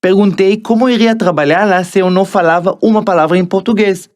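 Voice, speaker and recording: A man's voice: high voice, brisk, darkish tone. Israeli man narrating his motivational audiobook. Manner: motivational, addresses the listener directly. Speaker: author narrating his own book.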